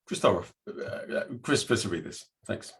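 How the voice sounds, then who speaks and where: A man chairing a panel over a video call, speaking haltingly with fillers. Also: lowish voice, animated, fairly bright tone. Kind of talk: moderating a panel.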